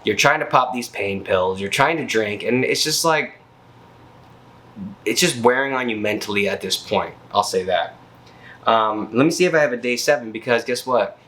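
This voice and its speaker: A man's voice: mid-range voice, expressive, moderate pace, fairly bright tone. A worn-out man vlogging about his health in a casual, slangy, rambling way. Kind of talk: casual chat, health update.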